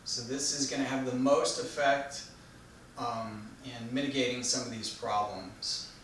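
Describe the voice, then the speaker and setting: A man delivering an explanatory technical speech in a measured, didactic manner, posing questions and then answering them. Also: mid-range voice, fairly even intonation, a bit bright. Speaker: presenter giving an informational speech. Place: echoey room, recorded from a distance. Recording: very echoey room, distant mic, faint noise.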